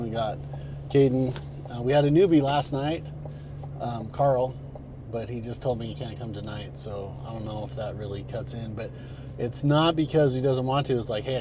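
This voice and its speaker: A man's voice: medium pitch, background noise. A man talking casually and earnestly to viewers as the host of an ice bath club. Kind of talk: casual vlog talk. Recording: music playing behind the voice.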